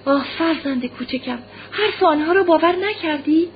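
Woman reading desperate mom, high teary pleading voice, dull lo-fi audio. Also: slight background noise, close to an everyday voice. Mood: tearful. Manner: pleading, choked with tears. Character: desperate loving mother, noble lady.

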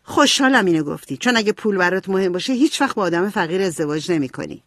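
A woman's voice: on the low side, expressive, a bit bright, dry recording, studio quality. A woman voicing a spirited, outspoken teenage girl in a storybook reading. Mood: frank.

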